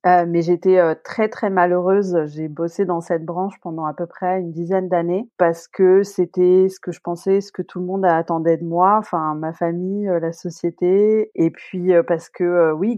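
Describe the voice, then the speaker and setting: A woman's voice: on the low side, warm tone, no room sound, muffled recording. A French woman in her forties, a podcast guest who talks reflectively, with many fillers and restarts. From France. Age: 40s. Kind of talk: podcast interview.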